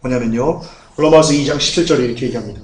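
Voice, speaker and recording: A man's voice: mid-range voice, racing. A man pastor preaching a sermon in a conversational way, repeating his phrases and putting questions to the congregation. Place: church sanctuary. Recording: roomy church echo.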